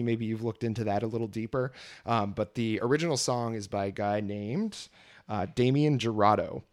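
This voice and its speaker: A man co-hosting a podcast in relaxed casual chat, with many ums and fillers. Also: medium pitch. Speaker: podcast co-host.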